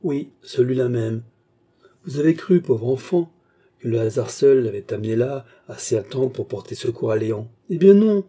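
A man reading a smooth scheming baronet villain. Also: medium pitch, animated, normal speed, dark tone, close to an everyday voice. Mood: persuasive. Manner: smooth, earnest, persuasive. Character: scheming male baronet villain posing as a kindly benefactor.

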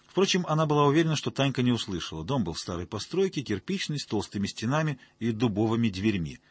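A man's voice: medium pitch, big pitch swings, fast talker, breathy edge, no room sound. A man narrating an audiobook in a wry, colloquial storytelling manner.

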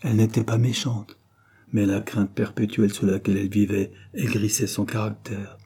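Low, husky male audiobook narrator. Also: level tone, normal speed, warm tone. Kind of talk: scripted narration.

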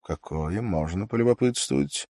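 A man's voice: on the low side, expressive, moderate pace, vocal fry, darkish tone, no room sound, studio quality, voice pushed up. A man reading an audiobook, voicing a haughty middle-aged general with condescending, affectedly polite speech.

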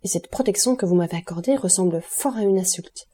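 A frightened young invalid, as a woman reads her asks anxious, pleading questions in an audiobook. The voice is dark and mellow, slightly husky, and a little low. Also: a little fast, close to an everyday voice. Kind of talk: audiobook character reading.

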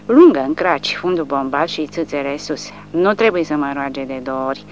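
A woman's voice: sits low, lively intonation, soft background music. Woman doing a leering crude soldier. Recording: dull lo-fi with faint hum.

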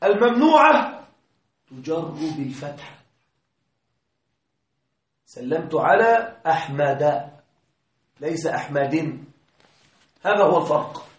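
A male grammar teacher giving a classroom lesson, patiently explaining, quizzing his students and chanting quoted verses slowly. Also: a little high, very animated. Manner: recites verses in slow measured chant. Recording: echoey classroom from far off.

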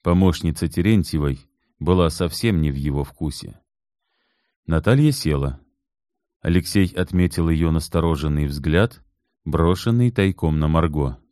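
A man narrating an audiobook in a measured, even storytelling manner, close to the mic. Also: very deep voice, no echo. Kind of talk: scripted narration.

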